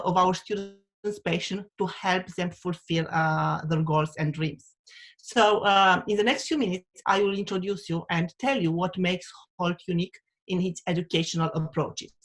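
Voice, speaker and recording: A woman from Romania, presenting as a university dean on a video call, with hesitant speech full of fillers. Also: fairly low pitch. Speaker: undergraduate dean. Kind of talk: webinar presentation.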